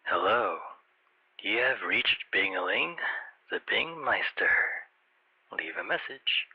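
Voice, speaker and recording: An actor playing a showy man with a self-made nickname, heard as an answering machine message over a landline phone, with a drawn-out, swaggering greeting. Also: lowish voice, sing-song, a little hiss or hum, heavily acted. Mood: boastful. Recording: muffled lo-fi phone recording.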